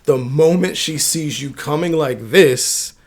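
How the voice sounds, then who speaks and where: A man's voice: on the high side, takes it slowly, slightly rough. A man hosting a dating advice channel, talking straight to his viewers in an emphatic, slangy, coach-like way. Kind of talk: direct-to-camera advice talk.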